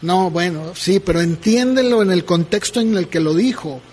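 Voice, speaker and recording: A man's voice: high-pitched, normal speed. A male pastor preaching a sermon, telling a story and acting out the people in it, then reading scripture aloud. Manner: animated, acts out conversations in quoted voices. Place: church. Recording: reverberant church hall.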